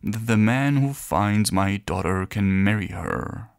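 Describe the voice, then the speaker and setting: A man voicing a grumpy, forgetful old king in a storybook reading, with a gruff, commanding manner. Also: on the low side, expressive, takes it slowly, no echo, studio quality, voice pushed down, heavily acted.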